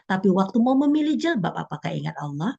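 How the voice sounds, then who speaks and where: A woman giving a lively religious talk to women, often acting out little prayers and complaints. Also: medium pitch, fast, creaky, slightly rough, dull audio. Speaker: religious speaker.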